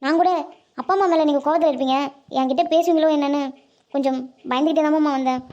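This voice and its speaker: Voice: high voice, fairly even intonation, fast talker, a little mellow, dull audio, natural voice. A performer voicing a timid, anxious young village woman in a cartoon. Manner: anxious, pleading.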